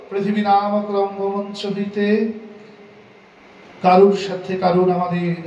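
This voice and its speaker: A man telling a devotional story as a sermon, in an emotive preaching manner with dramatic pauses. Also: high-pitched, darkish tone. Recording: roomy, distant, dull with music.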